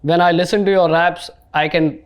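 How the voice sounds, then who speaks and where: A man's voice: sits high, fairly even intonation, moderate pace, clean tone. A man hosting a casual podcast interview in an informal, slangy way. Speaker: podcast host.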